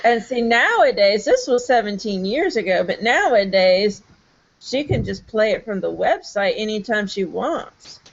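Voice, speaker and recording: A woman co-hosting a casual chat about a TV episode, playful and quick to slip into mock-romantic narration. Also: mid-range voice, sing-song, highs cut off. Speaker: podcast co-host.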